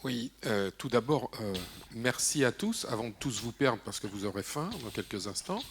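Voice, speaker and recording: A man's voice: mid-range voice, animated, moderate pace, a bit bright, a little hiss or hum. A man, an elected official, speaking on a conference round-table panel, hesitant with many fillers and restarts, slipping in jokey asides. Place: conference hall.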